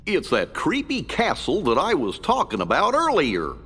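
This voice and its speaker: A man voicing Goofy, a dopey, good-natured male cartoon dog who talks slowly and stumbles over words. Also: a little high, huge pitch swings, fairly bright tone, slightly rough, full character voice. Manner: slow, dim-witted and stammering. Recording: long hall reverb.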